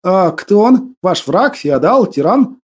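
A man voicing a gentle, earnest young man who patiently explains things. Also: high-pitched, sing-song, takes it slowly, breathy edge, exaggerated voice.

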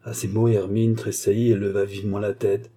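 A man narrating a classic novel in a steady, measured literary reading. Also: lowish voice, slightly rough. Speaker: audiobook narrator. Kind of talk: scripted narration.

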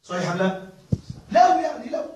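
A man's voice: extremely high pitch, big pitch swings, fast talker, a little mellow, slight background noise. A male grammar teacher giving a classroom lesson, often stopping to ask whether the students follow. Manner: keeps checking students follow, with repeated questions. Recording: echoey room, voice from far off.

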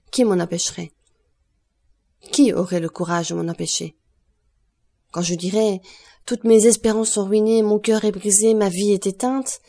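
Brief: woman reader doing a desperate young man, mid-range pitch, warm tone, audiobook. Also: natural voice. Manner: passionate, pleading outbursts. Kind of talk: audiobook reading of a novel.

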